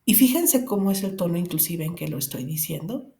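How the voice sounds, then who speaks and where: A woman's voice: fairly low pitch, lively intonation, a little fast, vocal fry, dark tone. A middle-aged woman with a Mexican accent giving earnest, emphatic advice to parents and speaking straight to the listener. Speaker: parenting advisor.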